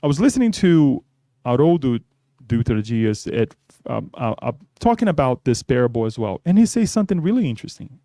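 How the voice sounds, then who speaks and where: A man's voice: medium pitch, big pitch swings, brisk, dark tone, dry recording, clean studio sound. Man giving a spiritist talk. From Brazil. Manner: conversational, often adds "right?". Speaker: spiritist speaker. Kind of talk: religious talk.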